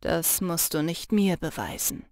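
A woman's voice: lively intonation, a little slow, dry recording, clean studio sound. A woman voicing an intense, protective young male shapeshifter in an audiobook, earnest and urging. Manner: low, earnest and urging, soft when teasing. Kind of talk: audiobook character voice.

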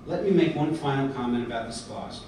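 A middle-aged American man speaks earnestly at a convention podium from prepared remarks, with lots of "uhs" and restarts. His mid-range voice runs a little fast. Captured by the podium mic and a distant camera, the large hotel hall sounds echoey, with steady background noise.

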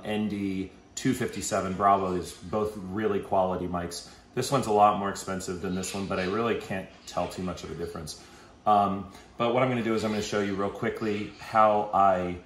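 In a home kitchen, a podcast host in his forties walks through a casual how-to, speaking in a low voice with a relaxed, rambling manner full of fillers. There is slight background noise.

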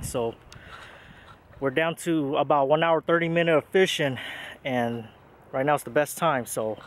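A man in his thirties talking casually to an action camera on a lakeshore, explaining his fishing between bursts of excitement. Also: on the high side, a little hiss or hum. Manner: relaxed, chatty, breaks into excited exclamations. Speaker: fishing vlogger. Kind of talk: casual outdoor vlog narration. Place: lakeshore outdoors. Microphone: action camera on body.

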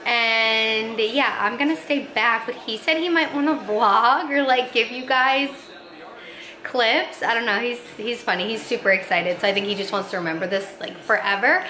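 Young woman vlogger, slightly high voice, upbeat and conversational, arm's-length camera. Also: bright, forceful tone. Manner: chatty, upbeat, quick asides and laughs. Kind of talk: casual vlog chat to camera. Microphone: phone or camera held at arm's length.

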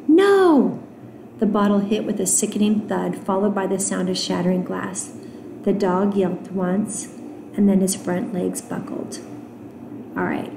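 A woman teacher reading a novel aloud to her students, stopping for gentle explanatory asides with fillers. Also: mid-range voice, a little hiss or hum. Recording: roomy echo.

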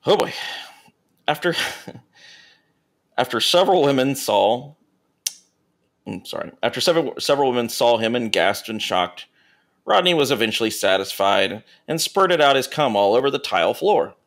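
A man co-hosting a comedy podcast, reading erotica aloud with deadpan asides and casual chat. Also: mid-range voice, normal speed, pauses often. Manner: deadpan asides between read passages. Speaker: podcast co-host reading stories.

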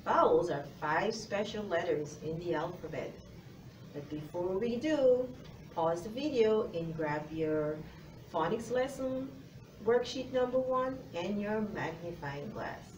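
In an unhurried, animated mid-range voice, a middle-aged woman leads young children through phonics, speaking right to them with encouragement. The distant camera mic across the classroom makes it sound roomy, with faint noise.

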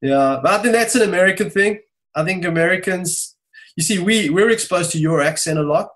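A man's voice: sits high, brisk, fairly bright tone, low-quality recording. Chatty South African man in his forties. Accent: South African, Johannesburg English. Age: 40s. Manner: chatty storyteller, laughs easily. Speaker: guest music producer. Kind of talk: casual podcast conversation.

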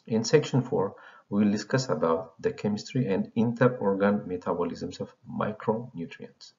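Reading slides like a formal lecture, this thirties-aged founder of an educational channel from Ethiopia speaks at normal speed. His lowish voice is gravelly and somewhat dark, and the recording sounds dull and lo-fi.

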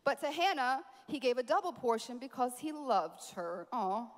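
A woman preaching a sermon at a conference, animated, with playful asides to the crowd. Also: high-pitched, moderate pace, big-room sound. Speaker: conference speaker. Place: large conference hall.

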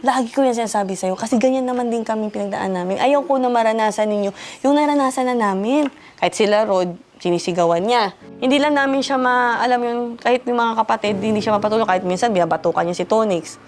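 A woman's voice: a little high, fast talker, a little hiss or hum. A woman speaking as a parent figure, scolding and asking pointed questions in a stern lecture. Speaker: parent figure counseling a youth.

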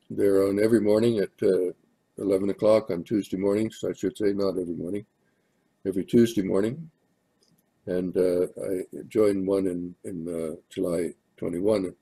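An older man speaks in a very low, gravelly, husky voice with a dark tone. He delivers church announcements hesitantly, filling his pauses often. He sounds like a minister addressing his congregation. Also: steady tone. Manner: hesitant, many fillers. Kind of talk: sermon announcements.

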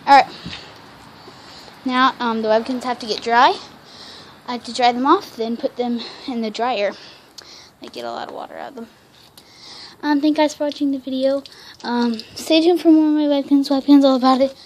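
A female voice narrating a toy role-play vlog, excitable and given to squealing cheers. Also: high-pitched, normal speed, pauses often, slight background noise. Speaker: toy video maker.

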